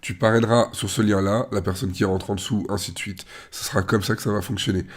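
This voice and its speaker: A man with a rough, worn-out voice gives an informal step-by-step screen walkthrough, talking the viewer through each click. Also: lowish voice, fairly even intonation, quick pace. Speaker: tutorial presenter.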